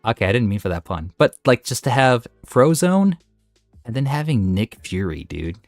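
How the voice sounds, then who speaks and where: A man's voice: mid-range voice, sing-song, normal speed, no room sound, studio quality, faint music behind. A man giving casual, enthusiastic and opinionated commentary while ranking game characters. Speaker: gaming video host. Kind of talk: casual tier-list commentary.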